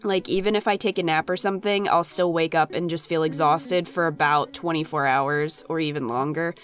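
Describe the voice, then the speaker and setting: Female let's play host, congested phlegmy voice, lowish, chatty and playfully exasperated, faint game music. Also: steady tone, fairly quick. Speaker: gaming channel host. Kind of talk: casual let's play commentary. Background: video game music.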